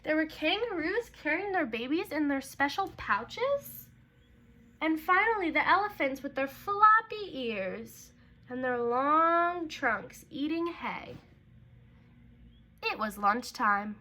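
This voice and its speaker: Slowing things down, the young host uses a high-pitched, sing-song voice that comes across pushed and bright. She chats informally with young kids, calls them "you guys," and moves from casual intro talk into reading a storybook aloud.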